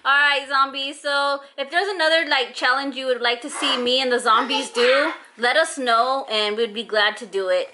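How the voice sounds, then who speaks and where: A woman's voice: high voice, steady tone, moderate pace, hardly any pauses, background noise. A young woman hosting a casual family vlog at home, playfully chatting to the camera and children. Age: young adult. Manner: playful, giggly. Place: indoors, home living room. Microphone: camera mic a step away.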